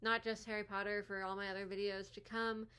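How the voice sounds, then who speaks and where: A woman's voice: medium pitch, a little fast, clear, resonant tone. A woman giving casual, slangy reaction commentary as host, her speech slightly off from wearing a retainer. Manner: animated, slangy, frequent "like". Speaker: host of a movie commentary video.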